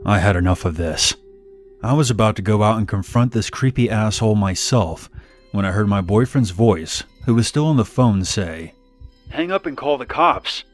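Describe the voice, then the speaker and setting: Low-voiced man narrating a horror story. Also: moderate pace. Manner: steady first-person storytelling. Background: faint music.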